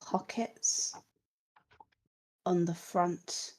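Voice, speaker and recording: Woman doing a raised dead woman, faint whisper, halting, low, very slow, hollow and distant. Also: fairly even intonation, a little mellow.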